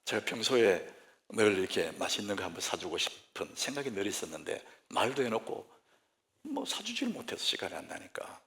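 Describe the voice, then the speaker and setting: A man, the senior pastor, preaching a sermon in a church sanctuary, swinging between loud exclamations and hushed whispers. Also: lowish voice, very animated, brisk, gravelly.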